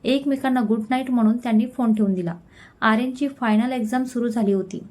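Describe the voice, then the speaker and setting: A woman storyteller narrating a scripted story, reading steadily and clearly. Her voice sits fairly high, with an even pace. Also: fairly quick.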